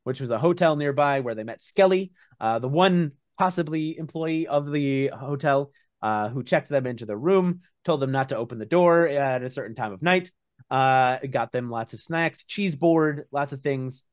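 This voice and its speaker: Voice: mid-range voice, moderate pace, dry recording, clean studio sound. A game master casually narrating a tabletop game recap in a hesitant, rambling way.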